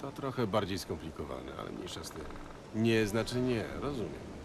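An actor playing a weary, stoic monster hunter in a video game, speaking in a dry, matter-of-fact way. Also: male voice, on the low side, sing-song, moderate pace, gravelly, noisy background. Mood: dry, calm.

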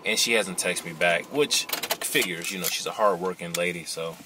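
A man in his thirties with a Chicago accent, chatting casually to the camera in a relaxed vlog from inside a car. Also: deep voice, normal speed. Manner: relaxed, chatty, says "finna" and "you know". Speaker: vlogger. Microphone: camera on the dashboard. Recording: car interior with road noise.

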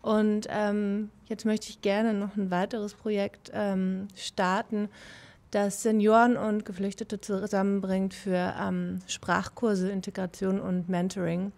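A woman who is a film producer introducing a volunteer project hesitantly, with many pauses, in a bright meeting room with a handheld microphone. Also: medium pitch, little pitch movement, creaky. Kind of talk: workshop self-introduction. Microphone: handheld mic.

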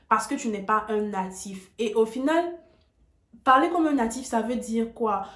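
Emphatic woman teaching in an echoey room. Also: a little high. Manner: emphatic, direct, speaks straight to viewers. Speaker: English tutor on video. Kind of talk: casual lesson to camera.

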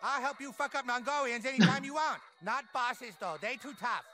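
An actor playing an excitable middle-aged restaurant owner in a cartoon game, speaking caricatured broken English. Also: male voice, very high voice, moderate pace, music in the background. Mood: eager, brash.

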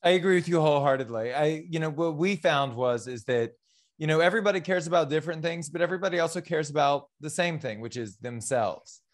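A man in his thirties hosting an interview over a video call, speaking in a quick, friendly way. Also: on the high side. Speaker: town hall host. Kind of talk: casual interview. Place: home studio, indoors. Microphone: boom microphone on video call.

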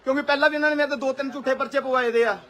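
A man's voice: very high-pitched, fairly even intonation, rapid-fire, pushed and bright. A young man, pleading and protesting to police as he streams live on his phone outside his house. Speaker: local party worker being detained. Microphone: phone held in hand.

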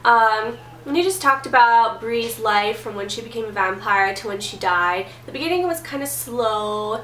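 A book vlogger in her twenties, stuffy with a cold, chats casually about books from her bedroom, saying "like" and "um" a lot. Her voice is on the high side and fairly bright, at a moderate pace. A distant camera mic gives a roomy sound with faint hiss.

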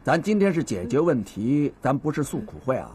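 A husky Beijing beat cop. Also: male voice, mid-range voice, very animated, brisk, mellow. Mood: stern. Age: 50s. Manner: patient, lecturing mediator who scolds and coaxes. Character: seasoned middle-aged male beat cop, stern yet fatherly. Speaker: neighborhood police officer. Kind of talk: TV drama acting.

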